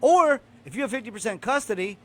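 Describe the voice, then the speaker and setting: A man's voice: very high voice, expressive, fast talker, fairly bright tone. A man hosting a casual podcast, talking in a blunt, profane, opinionated way. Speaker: podcast host.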